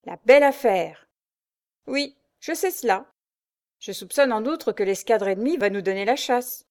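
A woman voicing a calm, polite young male nobleman who answers evenly and courteously in a read-aloud story. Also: fairly high pitch, moderate pace, pitched above the performer's own voice. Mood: composed.

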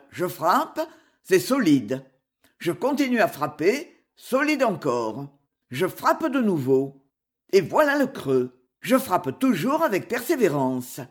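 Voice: mid-range voice, breathy edge, heavily acted. A reader voicing a stubborn old male stonemason in an audiobook, with plain, repetitive, blunt speech. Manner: plain, stubborn, repeats himself. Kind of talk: audiobook character voice.

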